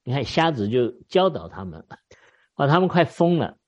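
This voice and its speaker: A man preaching an expository sermon, telling the story with lively exclamations and wry asides. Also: medium pitch, normal speed. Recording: dull lo-fi recording.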